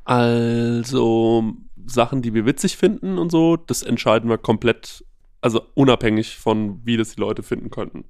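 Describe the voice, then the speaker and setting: A man chatting in a relaxed interview, spinning long stories with lots of "ähm" along the way. His voice sits in a middle register and comes through close and dry, with no room sound. He gets lively and quick when a story builds up. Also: medium pitch, dry recording. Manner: animated storyteller, many fillers. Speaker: podcast host, guest here. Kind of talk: casual interview chat.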